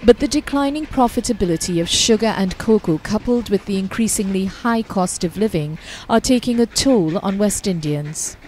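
A woman narrating a history documentary in a measured, scripted delivery. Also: medium pitch, lively intonation, darkish tone, a little hiss or hum. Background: music.

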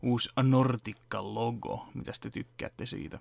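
At a computer desk in his home, a young vlogger and fan dubber talks close to the camera, walking through his dubbing work step by step. His mid-range voice is creaky, and there's background noise. It's a relaxed, behind-the-scenes chat full of fillers.

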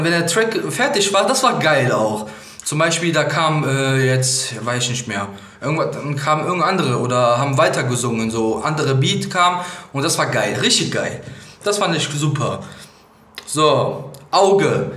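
A young man chatting excitedly to camera about music, animated with sudden high bursts and lots of fillers. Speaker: vlogger reviewing an album box. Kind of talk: casual excited chat to camera. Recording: echoey room.

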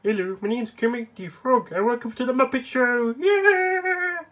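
A man switching impression voices, playing an excitable, friendly puppet frog who hosts a show. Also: very high-pitched, a little slow, voice pushed up. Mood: excited.

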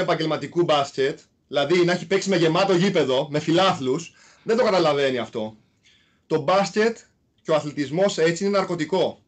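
A man from Greece, a former basketball player, telling his own story in a casual interview, animated and fond of repeating little filler words. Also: high voice.

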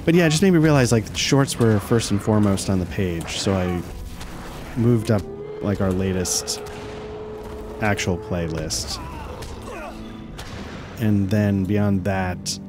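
A man's voice: lowish voice, slow pace, long pauses, background noise. A man hosting a let's play, talking casually over a video game in an offhand, rambling way. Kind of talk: casual gameplay commentary, reading game text aloud. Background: game music.

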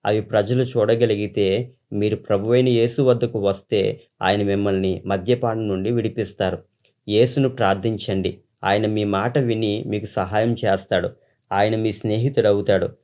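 A man's voice: on the low side, steady tone, normal speed, warm tone. A pastor, a man, reading a testimony aloud in a solemn, earnest way, with preaching asides to listeners.

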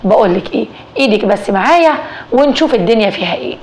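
A woman voicing a calm, practical Egyptian husband in a told story, speaking steadily in a slightly lowered voice. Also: very fast, lightly acted. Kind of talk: storytelling dialogue.

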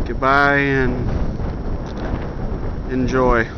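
A man filming outdoors on a windy riverbank and narrating slowly and casually from behind a handheld camera. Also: medium pitch, little pitch movement. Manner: slow, laid-back narration. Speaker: vlogger filming ships. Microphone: handheld camera mic. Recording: lo-fi camera audio with loud wind noise.

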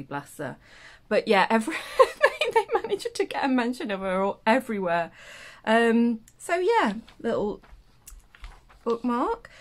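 A woman sits in a chair at home, chatting casually as she goes through a sewing magazine. Her talk is loose and friendly, full of restarts and playful asides. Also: medium pitch. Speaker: sewing vlogger reviewing a pattern magazine. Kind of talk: casual chat. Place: indoors at home, seated in a chair.

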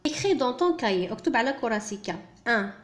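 A woman gives a primary school French lesson in a fairly high voice. She reads slowly, pronounces each sound with care and spells words out letter by letter. Between lines she rushes through quick translations for the children. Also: lively intonation. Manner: slow, clearly spelled-out teaching, switching to quick translations. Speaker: French teacher.

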